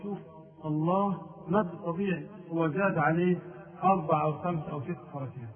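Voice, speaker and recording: High-voiced man giving a religious lesson, tinny. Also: brisk, far from the mic. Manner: lists errors methodically, chants call-to-prayer phrases as examples. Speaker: Islamic scholar.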